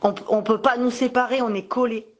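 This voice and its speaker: A woman's voice: a little high, steady tone, brisk. A mother talking casually over the phone with her young child, in a playful, encouraging way. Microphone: telephone call.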